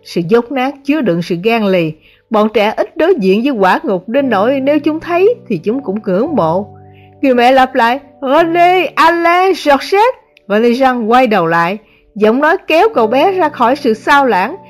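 A woman narrating a translated novel as an audiobook, in a measured, dramatic reading. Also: a little high, big pitch swings, faint music behind. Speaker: audiobook reader.

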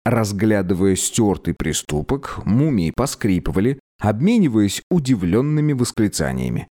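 A male narrator reading a story aloud with expressive delivery. His voice sits fairly low, and the pitch moves in lively, animated swings. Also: moderate pace. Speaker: audiobook narrator. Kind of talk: scripted narration.

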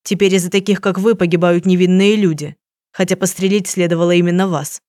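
A woman reading an audiobook, voicing a cool, sharp female private detective with a calm, dry, cutting manner. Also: fairly low pitch, brisk, no room sound, natural voice. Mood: stern.

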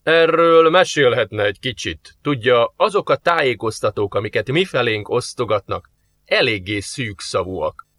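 A man's voice: mid-range voice, lively intonation, a bit bright. A man playing a curt suspicious demon. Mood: sarcastic. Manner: curt, sarcastic, wary. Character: gruff suspicious male demon. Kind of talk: audiobook character voice.

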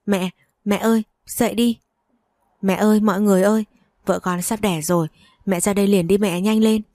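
A woman's voice: mid-range voice, steady tone, brisk, mellow, no room sound, studio quality, close to an everyday voice. A woman reading a story aloud, voicing a flustered, panicky young husband who stammers and repeats himself. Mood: shouting.

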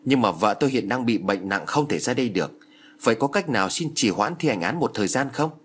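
A man voicing an anxious middle-aged husband and father who pleads helplessly, in a husky voice. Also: mid-range voice, lively intonation, fast. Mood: pleading.

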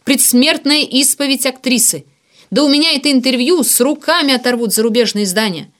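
A woman voicing a greedy, hot-tempered male newspaper editor who shouts and pleads indignantly. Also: sits low, steady tone, fast. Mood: indignant shouting.

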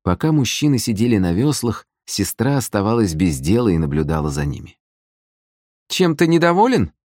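A man narrating an audiobook in an expressive, scripted storytelling manner. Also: deep voice, brisk, dry recording, clean studio sound.

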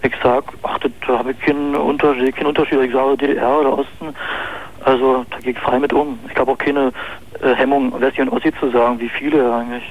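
Over a muffled radio phone-in line, a young East Berliner with the local accent chats as a caller. He speaks fast and hesitantly, leaning on fillers, in a level, medium-pitched tone.

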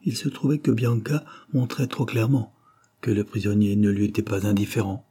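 A man narrates a novel as an audiobook, reading in a measured, steady way. His voice is low and dark with a husky texture.

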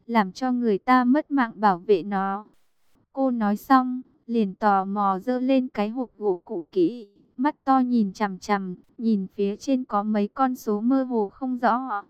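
A woman reads a romance novel aloud in an even, measured way, her voice very smooth and resonant and pitched a little high. The recording is close and dry, with a slightly muffled, lo-fi tone. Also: dry recording. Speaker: audiobook narrator. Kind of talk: scripted romance novel narration.

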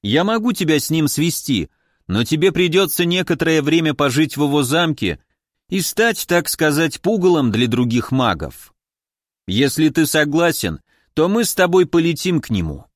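A man voicing a cocky young male wanderer mage who talks calmly and with a mocking edge, in a dry storybook reading. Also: a little high, normal speed, no room sound.

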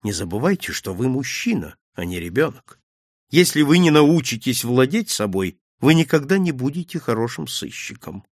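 A man voicing a sly male villain who speaks coolly and unhurriedly, with mocking calm. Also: mid-range voice, dry recording, studio quality. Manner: cool, unhurried, sneering. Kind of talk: audiobook character voice.

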